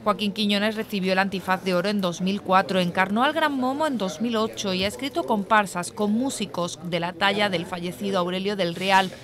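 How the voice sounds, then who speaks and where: A woman's voice: mid-range voice, fairly even intonation, a little fast, few pauses, fairly bright tone. A woman with an accent from Spain reading a scripted television news report as the reporter.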